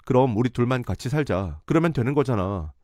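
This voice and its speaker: A man's voice: mid-range voice, lively intonation, a little fast, a little mellow, dry recording, clean studio sound, close to an everyday voice. A man voicing a young boyfriend who pleads and begs. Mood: pleading. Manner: pleading, begging.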